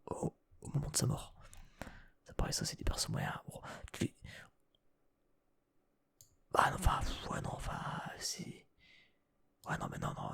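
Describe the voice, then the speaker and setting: A young man talks in a soft, very breathy whisper with a gravelly edge, as in casual ASMR chat. He thinks aloud, trails off and restarts his sentences, and drops in casual swear words. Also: medium pitch.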